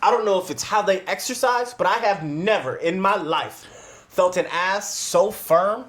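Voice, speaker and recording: A man's voice: high-pitched, measured pace, fairly bright tone. A man co-hosting a podcast, bantering in a loose, profane, laughing way. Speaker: podcast co-host. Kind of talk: casual crude banter.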